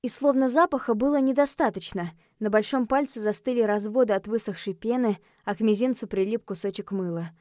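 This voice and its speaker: A woman narrating a first-person audiobook with lively, expressive delivery. Her voice sits fairly high and turns heated in the heroine's angry lines. The sound is close and dry, with no room around it. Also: fairly quick, hardly any pauses, no echo.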